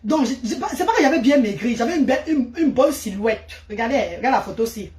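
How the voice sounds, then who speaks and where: A woman from Cameroon, telling a story to her viewers in an animated way and repeating words for emphasis. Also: fairly high pitch, fast. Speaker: vlogger. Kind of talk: casual storytelling monologue. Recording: roomy echo.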